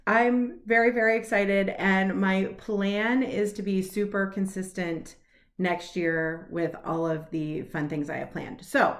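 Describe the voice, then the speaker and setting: A woman in her late forties chatting casually to camera about her cross stitch plans, upbeat and laughing at herself. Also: mid-range voice. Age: 40s.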